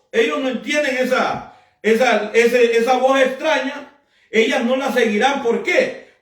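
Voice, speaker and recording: A man preaching a sermon in a fervent, emphatic way, often calling out to his listeners. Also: extremely high pitch. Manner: emphatic, fervent preaching with frequent "amén" and "hermano". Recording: echoey room from far off.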